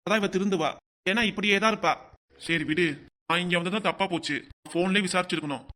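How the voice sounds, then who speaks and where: A man's voice: sits high, fast talker, sharp tone. A man voicing a stern older village father-in-law in a cartoon, scolding and lecturing his family.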